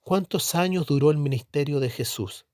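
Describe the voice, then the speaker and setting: Mellow-voiced preacher man, dry close sound. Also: on the high side, normal speed, no room sound. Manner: emphatic, asks and answers his own questions; repeats tag question "¿no es cierto?". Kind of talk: Bible teaching sermon.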